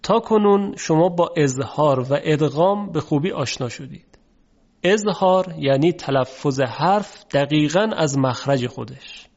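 Man, recitation teacher, recorded lesson, patient and formal, slowly stretched demonstrations, dull muffled audio. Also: on the high side, lively intonation, a little mellow.

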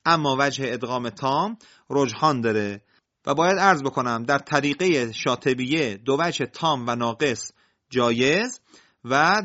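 In a lo-fi recording, a man with a pushed, bright mid-range voice lectures on the rules of Quran recitation. His explanation is methodical, taking the numbered points one at a time.

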